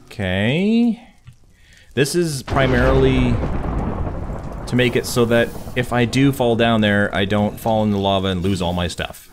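A man's voice: medium pitch, animated, measured pace. A man giving casual video game commentary, muttering to himself as he plays. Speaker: gamer recording a playthrough. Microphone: headset or desk microphone, wearing headphones. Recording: clear background noise. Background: game sound effects with thunder.

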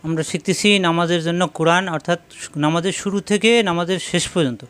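A man teaching Quran pronunciation step by step, repeating syllables slowly to drill each sound. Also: a little high, steady tone, fairly bright tone, clear, resonant tone.

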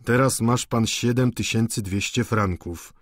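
A male audiobook narrator voicing a dignified old man who gives grave, calm advice. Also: on the low side, a little slow, no echo, studio quality, lightly acted. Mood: confiding. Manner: grave, advising.

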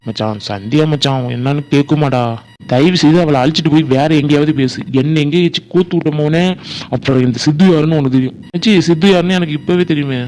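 Actor for a bickering young college man, quick talker, a bit high. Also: darkish tone, lightly acted. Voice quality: brash, bickering banter. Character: young college man quarrelling with his friend. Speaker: college student. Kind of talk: village family drama acting.

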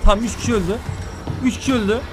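A man's voice: high-pitched, fairly even intonation, fast talker. A young man streaming a horror game, talking frantically and swearing constantly at enemies. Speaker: gaming streamer. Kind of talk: let's play commentary. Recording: game music loud behind voice.

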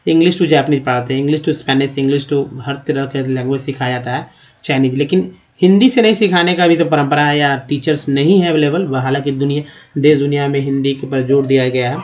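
A man explaining a lesson, slowly repeating and drawing out each sound as he talks through examples. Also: on the high side, darkish tone. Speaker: English teacher. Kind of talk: classroom-style spoken lesson.

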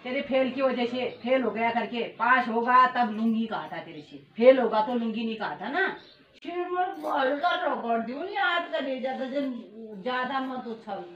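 A woman's voice: a little high, animated, moderate pace, fairly bright tone. A middle-aged mother from India scolding her son, nagging and repeating herself. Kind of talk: scripted family comedy argument. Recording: echoey room, distant dull mic.

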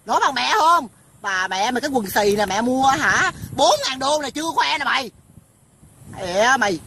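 A woman's voice: sits high, fairly bright tone. A woman delivering a profane, insulting rant to camera outdoors. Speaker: online personality. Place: outdoors by a rain-filled pit. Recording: outdoor traffic noise behind.

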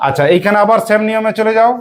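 A woman's voice: medium pitch, steady tone. A woman teacher leading a spelling lesson for young pupils, drilling them with call-and-response and frequent check questions. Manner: asks children quick check questions.

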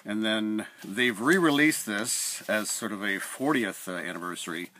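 A middle-aged man with a low voice talks about his record finds in an easygoing, rambling way, full of "uh"s. He sits close to the camera in a room at home. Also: normal speed, slight background noise. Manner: relaxed, rambling, many "uh" fillers. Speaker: record collector vlogger. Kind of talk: casual record review. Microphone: camera at close range.

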